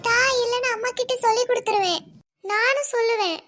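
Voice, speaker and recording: A woman voicing a stubborn, squabbling little girl in a cartoon, with a shrill, whiny Tirunelveli Tamil accent. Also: brisk, music in the background. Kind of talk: cartoon voice acting.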